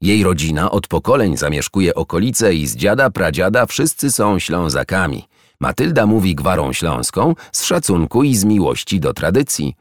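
A man's voice: low voice, very animated, moderate pace, no room sound, clean studio sound. A man voicing a kindly old hedgehog uncle. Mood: fond. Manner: gentle, reassuring.

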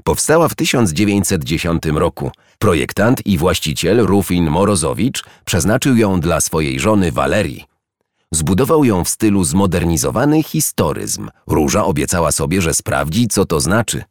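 A man narrating a children's story with expressive storytelling. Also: deep voice, moderate pace, no room sound, studio quality.

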